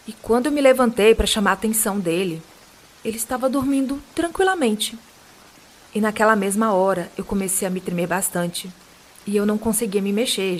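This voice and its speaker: Brazilian woman narrating eerie true tales. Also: medium pitch. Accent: Brazilian Portuguese. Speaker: podcast host and reader of listener stories. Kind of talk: narrating true supernatural stories.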